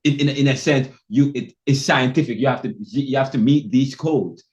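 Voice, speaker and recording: A man from Jamaica, hosting a podcast interview in an animated way. His voice jumps up in pitch when he asks questions. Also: moderate pace. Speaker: podcast host. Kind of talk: conversational interview. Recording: muffled, lo-fi remote audio.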